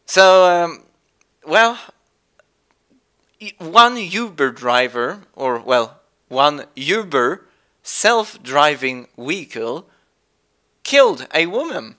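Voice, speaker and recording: A man's voice: a little high, sing-song, slow pace, long pauses, bright, forceful tone. A man with a Swedish accent, a native Swedish speaker, rambling through news commentary with many fillers and restarts. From Sweden. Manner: meandering, full of fillers and restarts.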